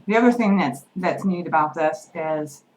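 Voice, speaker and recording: Woman, low pitch, casual video diary, halting and repetitive, chewing between words, faint background noise. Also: darkish tone, poor audio. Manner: halting, repeats words, eats while talking. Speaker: vlogger.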